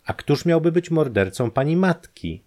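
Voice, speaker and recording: A man's voice: on the high side, sing-song, mellow, voice pushed up. A man reading as a level-headed detective. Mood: matter-of-fact. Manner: businesslike, measured questioning. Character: calm, matter-of-fact male detective.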